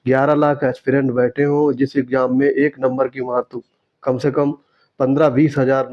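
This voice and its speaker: A man teaching, walking through exam answers and correcting sentences, repeating words slowly to make each point. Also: mid-range voice, little pitch movement, muffled recording.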